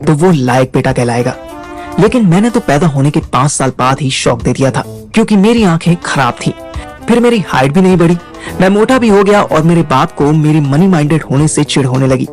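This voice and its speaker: A man's voice: fairly high pitch, a little mellow. A young man narrating a first-person story in a wry, conversational way.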